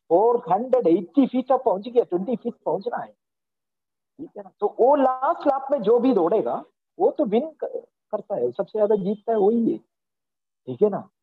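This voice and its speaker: A man's voice: sits high, slightly rough. A man leading a company meeting online, giving a motivational pep talk in an earnest, reassuring way and often checking that listeners agree. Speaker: company leader addressing members. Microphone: video call. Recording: tinny, phone-like video-call audio.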